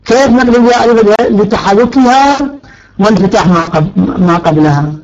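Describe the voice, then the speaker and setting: A man's voice: high voice, fast, highs cut off. A male teacher giving a grammar lecture, stretching out key words and quizzing his students. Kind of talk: Arabic morphology lecture.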